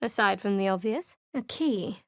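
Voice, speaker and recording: Voicing a video game companion, an actress portrays a sardonic young woman cleric who is guarded and keeps secrets. Her mid-range voice is expressive and lightly acted, at normal speed with no room sound, and her delivery in these studio lines is cool, dry and wry.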